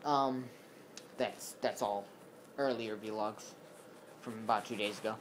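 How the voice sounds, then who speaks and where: A man's voice: fairly low pitch, fairly even intonation, slow pace, background noise. A man vlogging casually at home to his camera, tired and easily sidetracked, rambling with many fillers.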